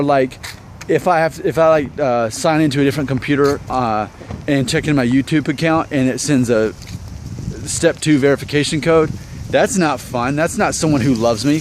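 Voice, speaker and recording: This man in his thirties hosts an opinion vlog, speaking to viewers in a slightly high voice. His delivery is casual and self-deprecating, loaded with rhetorical questions, over a little hiss or hum.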